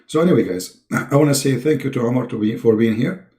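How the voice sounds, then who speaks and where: A man hosting a live online debate stream, hoarse and losing his voice, often clearing his throat and coughing as he talks to viewers. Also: medium pitch, fast, dark tone.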